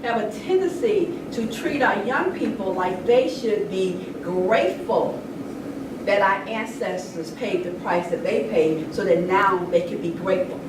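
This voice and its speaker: With a medium-pitched, animated voice and an unhurried pace, an older woman gives a heartfelt, emphatic talk in a casual storytelling manner. She's in an indoor room at a public event, recorded on a distant mic amid echo and background noise.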